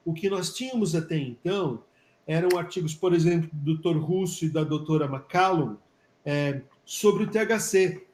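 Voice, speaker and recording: Brazilian male physician, somewhat high voice, roomy echo on the call. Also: moderate pace, darkish tone. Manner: chatty, many fillers and restarts. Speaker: physician and study coordinator. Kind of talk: casual live webinar talk. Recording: echoey room.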